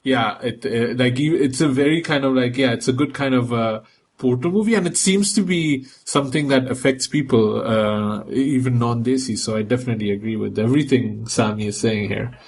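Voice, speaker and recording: A man's voice: mid-range voice, fairly quick, a little mellow, husky. A man co-hosting a podcast in casual chat, rambling and hesitant as he looks for words. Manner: rambling, hesitant, many restarts. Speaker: podcast co-host.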